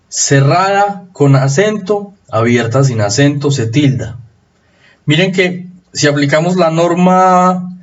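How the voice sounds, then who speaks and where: A man giving a recorded spelling lesson, explaining rules slowly and repeating them for emphasis. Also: medium pitch, lo-fi sound. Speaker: spelling teacher.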